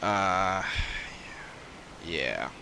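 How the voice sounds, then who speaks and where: On a live stream of an online role-playing game, a man talks casually and unscripted, thinking aloud as he rambles. His voice sits low with lively intonation and a very slow pace, and game music plays amid a noisy background.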